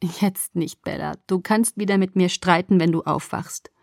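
Lady reading as a soft-spoken patient young guy, gentle and teasing, close and dry audiobook voice. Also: fairly low pitch, moderate pace, gravelly, no echo. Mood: soft, tender. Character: calm, gently teasing young man at a hospital bed.

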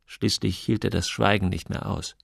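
Guy narrating an audiobook, gravelly, lots of melody, dry close mic. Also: lowish voice, steady tone, normal speed, dry recording. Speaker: audiobook reader. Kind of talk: scripted narration.

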